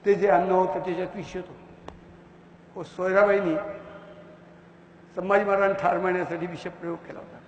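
A man's voice: sits high, flat delivery, fairly quick, long pauses, lo-fi sound, slight background noise. A man giving an impassioned, fiery public lecture with a declamatory, insulting delivery. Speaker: public speaker. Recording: echoey hall with long reverb.

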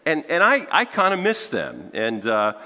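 A middle-aged man preaching in a church sanctuary, his bright voice swinging widely in pitch as he paces and gestures. He talks in a loose, conversational way, restarting phrases and tossing "right?" to the congregation. A long hall reverb trails every line. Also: moderate pace. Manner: animated, conversational, frequent restarts and "right?" asides. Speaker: pastor. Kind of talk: sermon.

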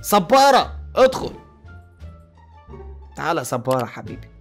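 A man's voice: fairly high pitch, sing-song, moderate pace, faint music behind. A man with an Egyptian accent voicing an exasperated male doctor at an asylum, scolding and then coaxing his patients. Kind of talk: fan-made game movie voice acting.

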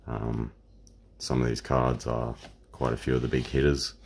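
Very deep, croaky Australian man. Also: normal speed. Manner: relaxed, rambling with fillers. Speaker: channel host. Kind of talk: casual unboxing chat.

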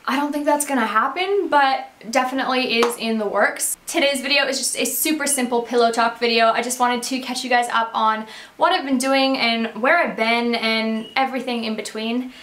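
A woman's voice: fairly high pitch, steady tone, moderate pace, a bit bright. Bubbly young woman chatting in an echoey room. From Canada. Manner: bubbly, chatty, rambling with fillers. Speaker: beauty vlogger. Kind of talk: casual catch-up chat to camera. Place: bedroom beauty room, indoors.

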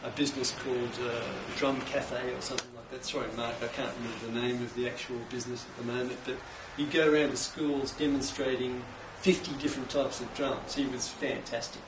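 A middle-aged Australian man explaining his craft in a relaxed interview, with an enthusiastic musician's manner. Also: medium pitch, brisk, hardly any pauses. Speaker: guest, cajon maker. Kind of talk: casual interview. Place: indoors, home workshop. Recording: echoey room, mic at a distance, faint background hiss.

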